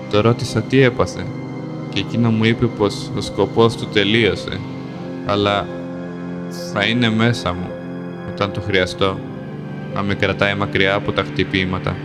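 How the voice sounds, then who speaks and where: A man with a fairly low voice reads a dark first-person fantasy story, calm and measured, delivering one short sentence at a time. Clear music plays beneath his narration.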